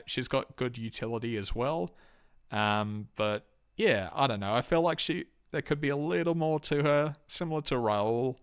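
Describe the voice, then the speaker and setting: A young Australian man rambles through his opinions in a loose, halting way, full of ums, uhs and restarts. His voice sits a little low and comes across smooth and clean. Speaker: YouTube host ranking game companions. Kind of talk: casual unscripted commentary.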